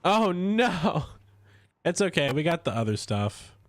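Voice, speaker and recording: A man chatting casually while streaming a game, stuffy from a cold, rambling with lively swings in pitch. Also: moderate pace, no room sound. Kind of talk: casual gameplay commentary.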